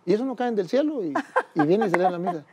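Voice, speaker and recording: A man's voice: high voice, expressive, very fast, noisy background. A man, a priest, telling his life story in an interview, acting out the dialogue as he goes. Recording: dull, muffled sound.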